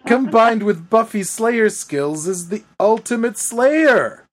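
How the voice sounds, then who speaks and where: A woman's voice: on the high side, slow pace, no room sound. A woman co-hosting a casual chat podcast, joking and acting out quotes. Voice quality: lively, jokey, quotes scenes in goofy voices. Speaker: podcast co-host.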